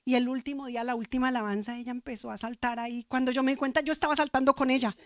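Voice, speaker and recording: Woman, middle-aged, pastor, sermon testimony, higher voice, dry sound. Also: fairly even intonation, rapid-fire, no echo. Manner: emotional testimony, repeats phrases for emphasis.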